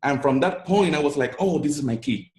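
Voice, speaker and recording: In an echoey room, an online marketer from Puerto Rico with a Puerto Rican Spanish accent earnestly recounts his story as an interview guest, repeating words often; Spanish is his native tongue. His voice runs on the high side, a little mellow, fairly quick, with lively intonation.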